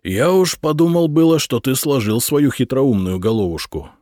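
A man's voice: mid-range voice, lively intonation, normal speed, mellow, no echo, clean studio sound, voice pushed up, natural voice. A man voicing a dignified, wry male court minister with a lightly raised voice.

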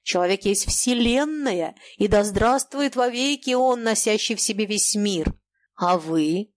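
A man's voice: high voice, expressive, a little slow. A woman reading an audiobook, voicing a bitter, defiant young male feuilletonist who declaims with passion. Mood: impassioned. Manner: impassioned declamation.

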